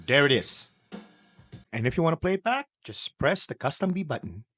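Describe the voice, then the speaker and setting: A man's voice: a little high, big pitch swings, moderate pace, over music. A man demonstrating a product step by step. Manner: plain step-by-step explaining. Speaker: product reviewer. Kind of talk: product demo.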